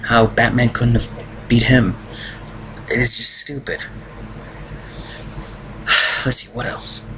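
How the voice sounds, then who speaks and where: A man's voice: mid-range voice, fairly even intonation, slow, pauses often. A young man casually reviewing a film from a room at home, exasperated and ranting. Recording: noticeable background noise.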